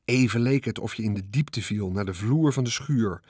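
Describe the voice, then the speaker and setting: Here a man narrates a kids' story with expressive pitch swings that track the action. His voice is slightly rough and his speed normal, captured in studio quality with no room sound.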